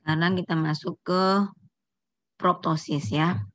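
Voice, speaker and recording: Low-voiced woman giving a medical lecture. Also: steady tone, unhurried, a bit bright, slight background noise. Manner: explanatory, quizzes students, corrects herself mid-phrase. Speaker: neurology lecturer. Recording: dull lo-fi lecture recording.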